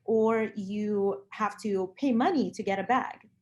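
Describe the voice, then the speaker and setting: A woman talks in an informal, conversational way. Her pitch sits in the middle range, and she is earnest, often repeating a phrase for emphasis. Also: takes it slowly, slight background noise. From Lithuania. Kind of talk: casual conversation about personal views.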